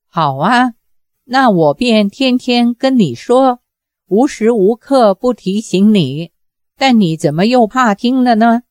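A woman's voice: fairly high pitch, animated, takes it slowly, darkish tone, dry recording, clean studio sound. A woman voicing a jealous male Taoist who taunts his fellow monk in a cold, stiff, mocking way. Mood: cold, taunting.

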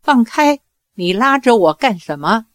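Quick-tempered young swordswoman done by a woman reader, snapping out orders, dry close sound. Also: medium pitch, expressive, no echo, lightly acted. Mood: angry. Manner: scolding, sharp commands.

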